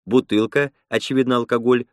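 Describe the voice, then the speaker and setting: A man narrating first-person fiction in a calm, expressive storytelling manner. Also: medium pitch, fairly quick, no room sound, clean studio sound. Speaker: audiobook narrator.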